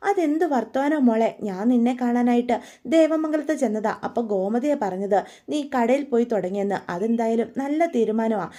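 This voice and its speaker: A woman voicing a scheming, smooth-talking middle-aged father in a retold soap story, in a coaxing tone. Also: a little high, a little fast, dark tone, natural voice.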